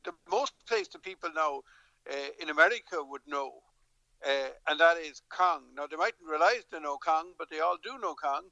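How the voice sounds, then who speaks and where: A middle-aged Irish politician from Dublin speaks in a remote interview, his fairly high voice moving at a normal speed with a sharp edge. He hesitates often, restarts his sentences and tells things like a story. The recording is dry and muffled.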